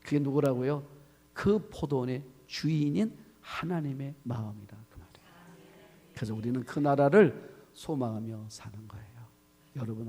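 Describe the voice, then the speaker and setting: A man's voice: mid-range voice, warm tone, husky. A male pastor preaching a sermon, telling a story and acting out its dialogue, often asking the congregation questions. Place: church sanctuary. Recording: long church hall reverb.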